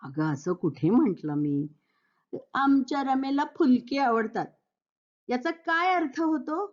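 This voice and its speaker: A woman's voice: high voice, animated, takes it slowly, muffled recording, pitched above the performer's own voice. A woman voicing a fussy, self-righteous older mother-in-law who scolds and preaches, in a Marathi play reading. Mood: defensive.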